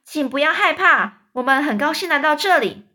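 A woman doing an excited little boy calling out. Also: high voice, brisk, pitched above the performer's own voice. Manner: waving, calling out, laughing. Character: cheerful excited young boy.

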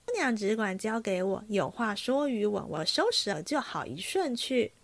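A woman's voice: mid-range voice, very animated, normal speed. A woman voicing a dutiful old household nanny who speaks in an obliging, careful way.

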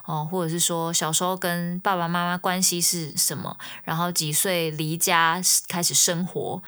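Woman, lowish voice; relaxed first-person storytelling, filler-heavy. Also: normal speed. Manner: chatty, ends phrases with soft fillers. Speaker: singer-songwriter. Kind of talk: casual storytelling.

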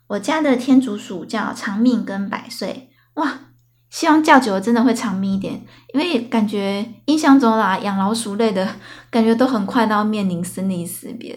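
Brief: young woman, Taiwanese Mandarin accent, solo podcast host, playful and chatty, mid-pitched. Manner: playful, chatty, giggly asides. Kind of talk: casual solo podcast chat.

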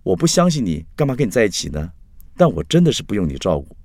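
A man voicing a confident, independent woman who answers calmly and firmly. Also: lowish voice, fast talker, no echo, clean studio sound. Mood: exasperated. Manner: cool, firm, exasperated.

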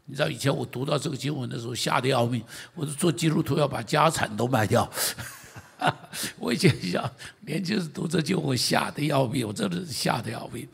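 Gravelly raspy Taiwanese Mandarin preacher man. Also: medium pitch, fairly quick. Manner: animated preaching, asking the congregation questions. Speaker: pastor. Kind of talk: sermon.

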